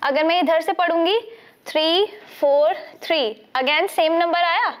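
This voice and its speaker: Woman math teacher, high voice, unhurried, patient, keeps checking that students follow. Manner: patient, checks understanding often. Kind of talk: classroom lesson mixing Hindi and English.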